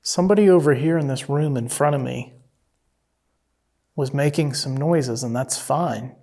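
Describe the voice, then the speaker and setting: A paranormal investigator calmly coaxing and questioning an unseen presence during a night investigation. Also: medium pitch, moderate pace.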